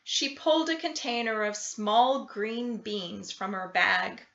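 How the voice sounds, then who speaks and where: A woman reading a children's story aloud with expressive narration, in a slightly dull recording. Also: mid-range voice, slow pace, vocal fry. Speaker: storybook reader.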